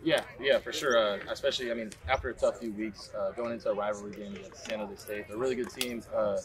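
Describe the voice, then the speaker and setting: A man's voice: lowish voice, fairly even intonation, quick pace, crowd noise. A young man answering post-practice interview questions as a college quarterback, in an earnest way. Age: young adult.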